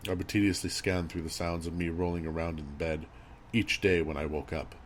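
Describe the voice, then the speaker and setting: A man reading a scripted horror story as narrator, in a measured, grave storytelling manner. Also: low voice, little pitch movement. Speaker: creepypasta narrator. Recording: audible background noise and ambience.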